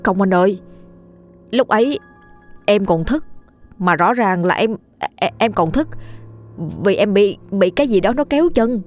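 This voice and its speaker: A woman's voice: on the low side, expressive, a little fast, darkish tone, husky, soft background music. A woman voicing a timid teenage village boy who stammers in panic in a ghost story. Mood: pleading.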